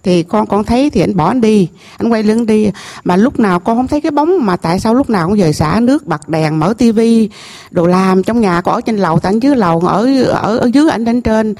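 A middle-aged woman with a Southern Vietnamese accent gives an emotional personal testimony at a temple gathering. She speaks earnestly and haltingly, repeats herself, and keeps addressing the master. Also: mid-range voice, expressive, a little mellow. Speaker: temple visitor telling her story.

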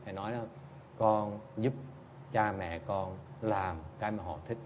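A man's voice: on the low side, steady tone, measured pace, muffled recording, background noise. Blunt teasing man giving a dharma talk. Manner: blunt, teasing, keeps prompting listeners with "Hả?". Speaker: Buddhist teacher answering audience questions.

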